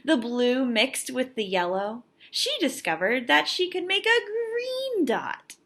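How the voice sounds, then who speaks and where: A young adult woman teacher reads a picture book aloud to children, delivering it expressively and emphatically with teaching asides. Her voice is high and slow.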